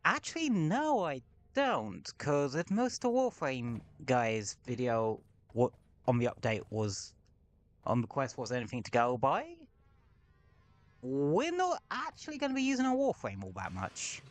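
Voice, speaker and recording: At home in a room with the window open, a man streams a game, offering casual gameplay commentary full of rambling, sweary asides. His mid-range voice swings widely in pitch at a measured pace.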